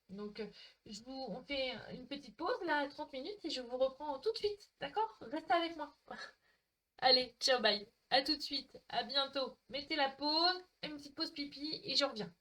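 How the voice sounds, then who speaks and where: A woman hosts a crafting livestream at home, talking warmly to her viewers by name while she stamps and cuts. Her voice is bright and sits a little high. She mocks her own mistakes as she works into a desk mic. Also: moderate pace. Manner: chatty, talks to viewers by name, self-mocking. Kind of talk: chatty live craft demo.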